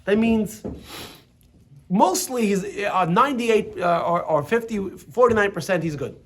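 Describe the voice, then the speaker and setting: A man's voice: sits high, animated, unhurried. A man teaching a religious class as rabbi, chatty and full of restarts and asides. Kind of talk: Torah lesson with casual storytelling. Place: classroom with students.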